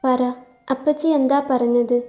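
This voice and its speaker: A woman reading the lines of a troubled young husband who coaxes his wife with soft, insistent questions. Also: sits high, steady tone, a little slow, roomy sound, faint music behind. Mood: gently pressing.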